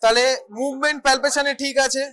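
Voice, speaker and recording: A clinical teacher giving a hands-on bedside demonstration, briskly instructing students step by step as they practise an examination. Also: high voice, fairly even intonation, pushed and bright. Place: hospital teaching ward.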